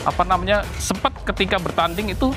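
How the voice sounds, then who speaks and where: A man working as a taekwondo instructor, explaining kicks patiently and often pausing to find his words. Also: high voice. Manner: patient, instructive, frequent hesitations. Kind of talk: demonstrating and explaining. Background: background music.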